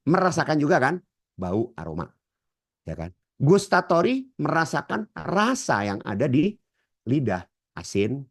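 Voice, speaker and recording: A man teaching a hypnotherapy class, often addressing his listeners directly and asking rhetorical questions he then answers himself. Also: medium pitch. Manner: addresses the audience often as ladies and gentlemen. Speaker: hypnotherapy trainer. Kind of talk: lecture to a class.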